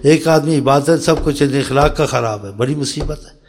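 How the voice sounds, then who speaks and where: A man preaching a storytelling sermon who speaks straight to his listeners, asks them rhetorical questions and often drops into soft, quiet asides. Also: a little high. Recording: long hall reverb.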